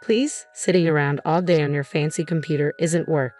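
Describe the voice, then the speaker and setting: Woman voicing a jealous snide sister, low-pitched, cutting remarks in a narrated story. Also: steady tone, normal speed, a little mellow, faint music behind, lightly acted. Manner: sneering, snide. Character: spiteful jealous adult sister, drunk.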